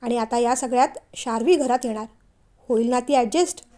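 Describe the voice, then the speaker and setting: A woman storyteller reading a family novel aloud, even and gentle in her delivery. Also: on the high side, normal speed.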